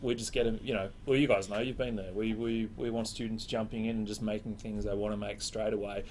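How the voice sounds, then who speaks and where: A man's voice: lowish voice, little pitch movement, fairly quick, a little mellow, slight background noise. A man hosting a casual live stream chat, rambling and joking. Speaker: host.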